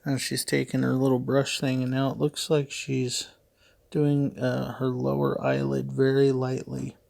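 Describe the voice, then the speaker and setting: A middle-aged man with a gravelly voice and heavy audible breathing, giving hesitant, puzzled, matter-of-fact unscripted play-by-play narration. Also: medium pitch, monotone, measured pace, a little mellow. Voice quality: gravelly, creaky. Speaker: father doing a voice-over for his daughter's makeup video.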